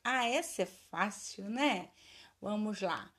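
A woman's voice: mid-range voice, animated, takes it slowly, fairly bright tone, husky. A woman teacher giving a recorded lesson for children, drilling words in a patient sing-song and praising her pupils.

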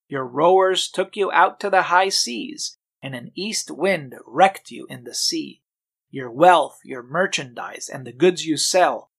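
Man reading the bible real slow, kinda gravelly, highish voice. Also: fairly bright tone. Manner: slow, measured reading of lists. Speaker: scripture reader.

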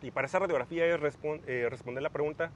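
A man's voice: a little high, racing. Young male podcast host, casual and rambling, light noise. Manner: thinks aloud with many restarts and fillers.

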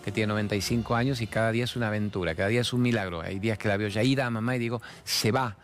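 A man in his sixties with an Argentine accent, hosting a TV talk show in a fast, playful, expressive way that moves from jokes to spiritual reflection. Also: fairly low pitch. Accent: Argentine Spanish. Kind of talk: chatty monologue with humorous anecdotes and sponsor mentions.

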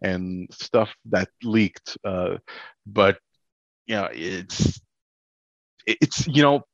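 With a low, creaky voice, a man co-hosting a casual film chat stammers and rambles haltingly while working through his points. There's no room sound, and the lo-fi audio comes across as dull.

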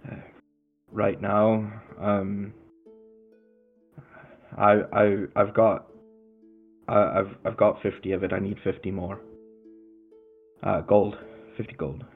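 A man voices a humble, worried innkeeper in a tabletop game, hesitating and stammering with rustic grammar. The voice is gravelly. It is heard over a tinny, phone-like line with faint music. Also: fairly low pitch, flat delivery, takes it slowly, long pauses.

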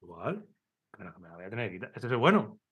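Spanish guy rattling off a funny story super fast on a podcast call, animated, cursing a lot. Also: fairly low pitch, slightly rough. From Spain. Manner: animated storytelling, swearing, laughing. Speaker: podcast host. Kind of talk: casual chat. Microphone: video call.

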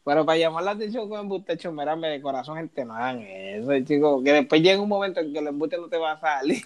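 High-voiced excitable man. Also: fast, lo-fi sound. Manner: excitable, profane, mocking. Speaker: podcast co-host. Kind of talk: casual chat. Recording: loud crowd noise behind.

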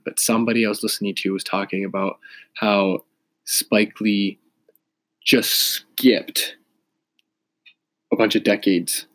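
A man with a stuffy nose from a cold, talking in a rambling, hesitant casual monologue full of fillers and self-corrections. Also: sits low. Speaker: vlogger.

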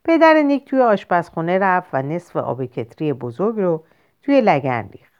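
Woman narrator, expressive storytelling, lowish voice, muffled lo-fi recording. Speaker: audiobook narrator. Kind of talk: storybook reading.

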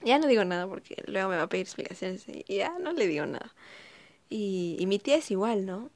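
Brief: young Peruvian woman, eighteen, chatty casual storytelling, mid pitch, dry close sound. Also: animated, fairly quick, dry recording. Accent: Peruvian Spanish. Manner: chatty, lots of fillers and laughing asides.

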